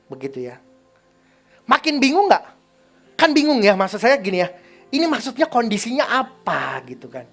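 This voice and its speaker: A man's voice: extremely high pitch, wildly swooping pitch, moderate pace, gravelly, pauses often, a bit bright, soft background music. A male pastor telling a story in a sermon, chatty and often putting questions to the congregation.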